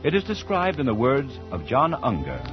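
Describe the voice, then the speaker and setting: Loud music swells behind a muffled 1940s broadcast. A male announcer narrates formally and dramatically, in a slightly high, widely swinging pitch. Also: wildly swooping pitch, moderate pace. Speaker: radio announcer.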